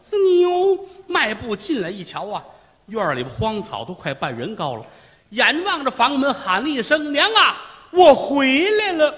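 Animated high-voiced male storyteller. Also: in a large hall. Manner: vivid, rhythmic narration. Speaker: comic storyteller. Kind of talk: traditional solo comic storytelling.

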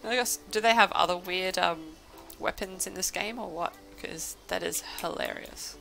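A woman's voice: on the low side, moderate pace, gravelly, a bit bright, soft background music. A young woman chatting casually while playing an online game with friends, laughing often and easily amused, speaking close to her microphone. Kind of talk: casual gameplay chat. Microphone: close desk mic.

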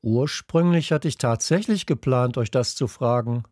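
A man reading a children's audiobook, voicing a hesitant grown man who speaks in a measured way. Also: medium pitch, lively intonation, darkish tone, husky, no echo, studio quality.

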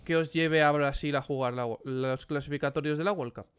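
A man hosting a casual gaming chat, animated and swearing as he exclaims over the gameplay. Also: on the high side, a little fast, clean tone. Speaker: streamer host.

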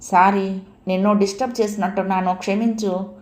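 A woman's voice: mid-range voice, level tone, fairly quick, lightly acted. A woman voicing a heartbroken, proud young woman who pleads through tears with her lover. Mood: bitter. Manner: tearful, pleading then bitter. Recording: echoey room, faint hiss.

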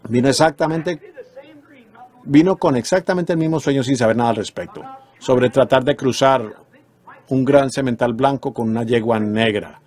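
A man's voice: mid-range voice, moderate pace, a little mellow. A man preaching a sermon, retelling dreams earnestly and rising into emphatic exhortations.

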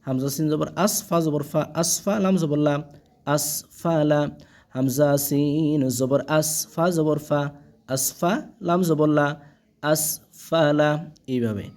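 A man teaching Quran reading, spelling out letters and vowel marks one by one. He stretches the recited words slowly and keeps checking that the learner follows. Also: on the high side, a little mellow. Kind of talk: spelling-out Quran lesson, call and repeat.

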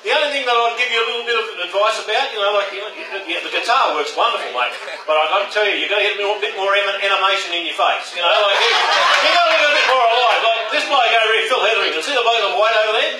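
A man's voice: high-pitched, racing, crowd noise. A man judging a performer on stage, blunt, joking and laughing as he talks. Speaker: judge giving feedback. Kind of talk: casual live banter on stage. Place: live stage event. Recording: roomy hall from far off.

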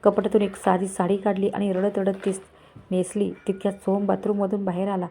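A woman narrating a family moral story in a steady, even storytelling manner. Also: medium pitch, a little fast.

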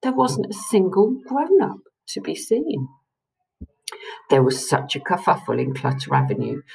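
A woman reading a children's book aloud to listeners with expressive storytelling. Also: on the low side, unhurried, creaky, breathy edge, rough recording.

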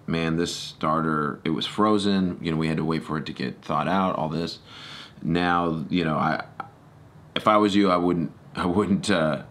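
Recorded close on a boom-arm podcast microphone in a small home studio, this middle-aged American host chats alone, rambling and self-correcting as he tells stories. His voice is deep with a fairly bright tone, and there's a little hiss or hum.

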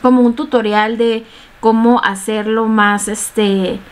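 A woman's voice: fairly high pitch, fairly even intonation, takes it slowly. A young woman giving a casual step-by-step screen-share tutorial from a small room at home, chatty and full of fillers. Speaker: online tutorial host.

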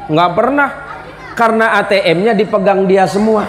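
A man's voice: high voice, moderate pace. A middle-aged man giving a humorous sermon, teasing the audience and asking them questions. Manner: joking, teasing, asks the crowd questions. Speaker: preacher. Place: large hall at a religious school celebration. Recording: long hall reverb with crowd and noise.

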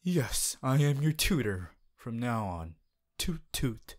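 Voicing a strict class president in his teens, a man delivers an ASMR roleplay monologue slowly, in a sing-song, medium-pitched voice. The character pleads earnestly with stiff, formal phrasing and a preachy, exasperated edge.

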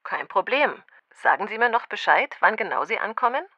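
A woman's voice: mid-range voice, sing-song, normal speed, bright, forceful tone, no room sound, lo-fi sound. A woman playing a helpful, businesslike restaurant manager in a language-course dialogue, speaking courteously.

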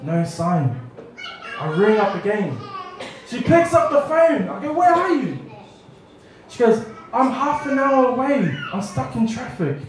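A man in his thirties from New Zealand, preaching a storytelling sermon on a handheld mic, animated and acting out family dialogue. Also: extremely high pitch, measured pace, slight background noise. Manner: animated, acts out family dialogue with lively gestures. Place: church hall, small room. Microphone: handheld mic, far camera. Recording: echoey hall from far off.

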